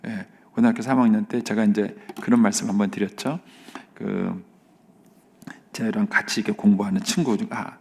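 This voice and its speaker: Gravelly-voiced man preaching softly. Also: medium pitch. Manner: earnest, often drops to a soft near-whisper for emphasis. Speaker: pastor. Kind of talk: dawn service sermon. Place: church sanctuary.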